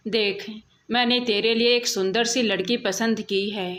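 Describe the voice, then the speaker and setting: A woman voicing a cruel, scheming middle-aged mother-in-law who scolds and threatens, in a slow storybook telling. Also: on the high side, steady tone, fairly bright tone. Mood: scornful.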